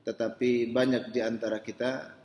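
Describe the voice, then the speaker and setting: An ustadz delivers a sermon in a mosque hall, speaking conversationally and putting questions directly to the men of the congregation, moving from quiet asides to loud, emphatic rises. His mid-range voice is flat with a moderate pace, and the echoey hall makes him sound distant.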